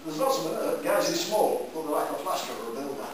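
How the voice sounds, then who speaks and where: An older English man with a slightly high voice and lively intonation talks fast as he teaches a karate class in a chatty, loose way, often checking in with "yeah?". A distant camera catches him in a large, echoey indoor dojo, and crowd noise makes the recording noisy.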